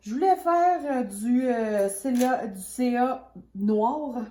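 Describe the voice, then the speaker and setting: A woman's voice: a little high, slow, warm tone, roomy sound, slight background noise. A woman with a Quebec French accent and a cold, giving a casual painting tutorial in a chatty, rambling, hesitant way, thinking aloud. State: has a cold. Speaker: craft tutorial host.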